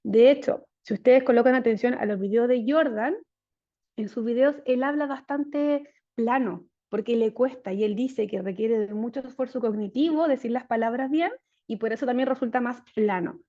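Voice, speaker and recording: A woman speech therapist giving an online lecture, explaining things clearly and steadily. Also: on the high side, normal speed, warm tone, highs cut off. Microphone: video call.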